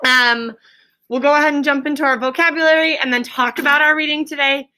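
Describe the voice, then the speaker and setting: A woman with a high-pitched, pushed and bright voice runs a reading lesson for young pupils, speaking fairly quickly in a steady tone. As an elementary teacher, she keeps things simple, repeats key words and asks the children questions.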